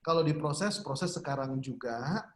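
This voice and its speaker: A man's voice: mid-range voice, animated, unhurried, reverberant. A man giving an online business seminar in a chatty way, laughing often and asking the audience questions.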